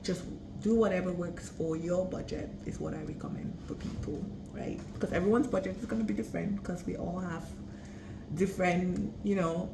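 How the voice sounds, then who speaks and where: Gravelly-voiced chatty woman vlogger from Cameroon. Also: lowish voice. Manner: chatty, rambling, self-correcting. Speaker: travel vlogger. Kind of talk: casual travel tips vlog. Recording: echoey room with background noise.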